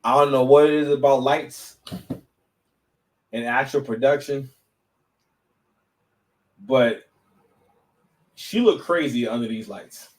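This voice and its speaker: A man hosting a podcast, reacting to clips in a rambling, mocking, animated way. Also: mid-range voice, takes it slowly, pauses often, far from the mic, rough recording. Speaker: podcast host. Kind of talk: casual reaction commentary.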